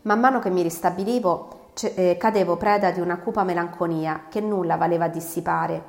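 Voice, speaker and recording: A woman narrating a classic novel in the first person, measured and literary. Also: lowish voice, vocal fry. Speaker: audiobook reader. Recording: roomy recording, faint music.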